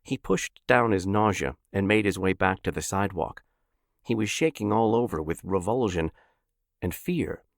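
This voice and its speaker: A male narrator with a low, gravelly voice reads a story dramatically, his pitch leaping through a very wide range. The sound is close and completely dry. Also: expressive, normal speed, dry recording. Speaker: narrator and host.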